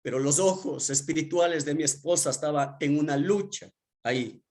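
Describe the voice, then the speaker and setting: A male pastor giving an emotional testimony in a sermon, speaking slowly and earnestly to the congregation. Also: a little high, darkish tone. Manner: slow, earnest, emotional preaching.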